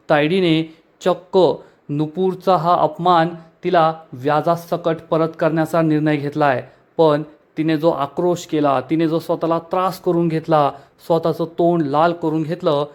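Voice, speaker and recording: A man narrating a lively, dramatic recap of a TV serial episode. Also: a little high.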